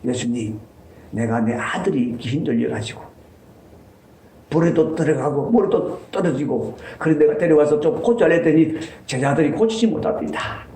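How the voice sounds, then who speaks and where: Man playing a begging father, urgent and pleading, lively pitch, echoey church. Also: moderate pace, lightly acted. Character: desperate pleading father, middle-aged man.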